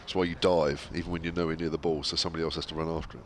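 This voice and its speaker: A man commentating live on cricket, summarising the scores at a break with relaxed, hesitant pauses. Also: rumbling low, slight background noise. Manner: relaxed, fills gaps with drawn-out hesitations while reading scores.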